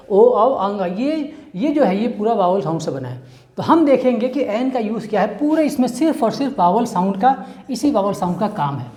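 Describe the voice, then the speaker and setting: A woman with a mid-range, slightly mellow voice teaches an English grammar lesson in classroom style, and the sound is reverberant. She explains step by step, asking questions and answering them herself.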